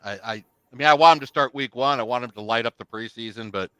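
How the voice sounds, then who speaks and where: A man co-hosting a casual sports talk show, animated and jokey, laughing easily as he answers. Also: mid-range voice, fast talker, smooth, no echo. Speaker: podcast co-host.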